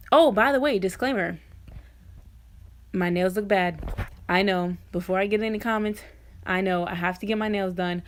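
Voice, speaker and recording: A woman talking informally and directly to viewers in a casual, chatty makeup tutorial voice-over. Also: mid-range voice. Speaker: beauty vlogger.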